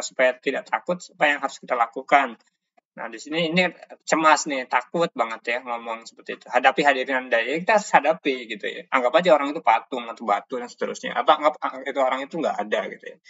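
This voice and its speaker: A man teaching a course, talking through his presentation slides in a halting way, with many fillers and restarts. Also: mid-range voice, bright, forceful tone. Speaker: course instructor. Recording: dull lo-fi recording.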